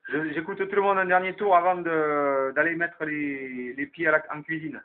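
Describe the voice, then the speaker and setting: On an FM CB link with tinny, narrow-band sound, an amateur radio operator leads a round of calls. His voice is a little high, with fairly even intonation and a moderate pace. He chats informally, thinking aloud as he passes things over to other operators.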